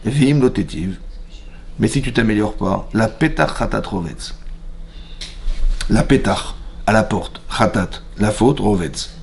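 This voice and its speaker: A man with a French accent, a rabbi giving a lively Torah class in a synagogue. He reads out Hebrew verses, explains them and keeps asking his listeners questions. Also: fairly low pitch, a little slow, creaky, pauses often, slight background noise. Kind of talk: animated Torah lesson to a mixed class. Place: synagogue hall.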